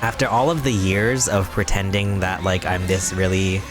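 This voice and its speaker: A man's voice: low-pitched, fairly even intonation, normal speed, over music. A young man streaming a game live, chatting casually with his viewers in a rambling, giggly, playfully mock-serious way. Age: young adult. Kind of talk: casual live-stream chat while gaming.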